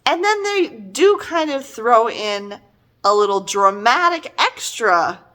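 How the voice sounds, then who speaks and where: In a fairly high voice and at a slow pace, a middle-aged woman offers an informal book review. Her manner is animated and emphatic, with clear exasperation.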